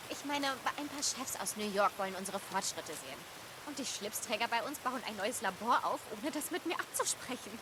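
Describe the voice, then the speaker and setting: A woman voicing a young woman scientist who is curious and dreamy, in a game dub, speaking in an animated way. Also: a little high, a little fast, background noise, natural voice. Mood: frustrated.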